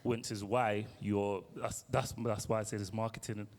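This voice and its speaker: A man in a casual discussion who talks in a measured way and reasons through his point step by step. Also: lowish voice, level tone, creaky, a little mellow, slight background noise. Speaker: panel member.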